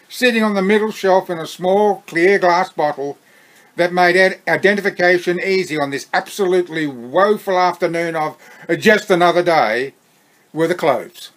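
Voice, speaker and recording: A man with an Australian accent reading his own story aloud, unhurried, breaking off for chuckling asides. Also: high-pitched, a bit bright, rough recording.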